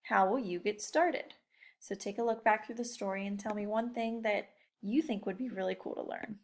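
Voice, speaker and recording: This young teacher speaks in a mid-range, darkish voice, with a steady tone and moderate pace, while leading a read-aloud. She chats informally and supportively with the kids, often putting questions right to them.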